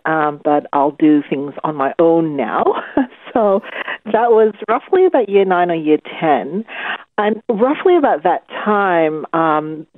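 A woman's voice: sits low, dry recording. A woman in her forties from Malaysia, a psychologist talking over the phone about her life in a thoughtful way, with some fillers. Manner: thoughtful, with fillers and small laughs. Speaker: guest, clinical psychologist. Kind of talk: phone interview, personal story. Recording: tinny phone line.

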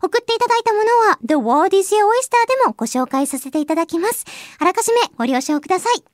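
A woman's voice: very high-pitched, big pitch swings, no echo, studio quality. A woman from Hiroshima, Japan, hosting a solo radio show and reading listener mail, cheerful and friendly, with a Japanese accent when she speaks English. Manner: bright, cheerful and friendly, slow and careful in English, brisk in Japanese. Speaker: radio host and voice actress. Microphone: close studio microphone.

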